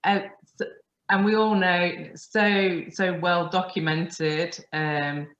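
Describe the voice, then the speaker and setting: A woman hosting a podcast interview over a video call, chatty and quick to laugh. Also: low voice, a bit bright. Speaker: podcast host. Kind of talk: casual interview. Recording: muffled roomy call audio.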